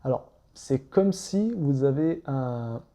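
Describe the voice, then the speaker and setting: Male teacher, slow patient delivery, mellow dark tone, walks learners through each example. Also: mid-range voice, lively intonation. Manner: patient, repeats each point, models sounds. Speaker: Arabic reading teacher. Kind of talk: step-by-step lesson narration.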